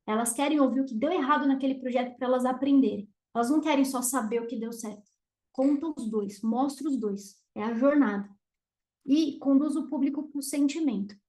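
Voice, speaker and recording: Brazilian woman, communication coach, high bright-pitched voice, emphatic, plays with pauses and loudness, echoey room. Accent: Brazilian Portuguese. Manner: emphatic, varies volume and pauses on purpose. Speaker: communication mentor. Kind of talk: energetic teaching to camera.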